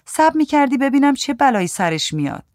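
Brief: woman narrator doing a concerned, soft-hearted woman, high-pitched and urgent. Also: very animated, dry recording, studio quality. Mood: pleading. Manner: pleading, concerned. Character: caring, watchful woman who pities others.

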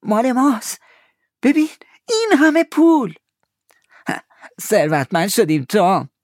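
A man's voice: fairly high pitch, husky, no echo, clean studio sound, voice pushed up. A man voicing a loyal, scrappy young boy who sounds awed and eager, in a storybook reading. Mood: thrilled.

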